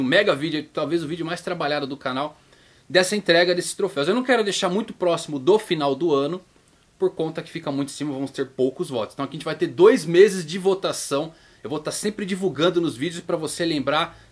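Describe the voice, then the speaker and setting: A Brazilian man with a Brazilian Portuguese accent hosts a YouTube manga vlog in a chatty, casual style. When he acts out viewers' questions, he switches to a higher voice.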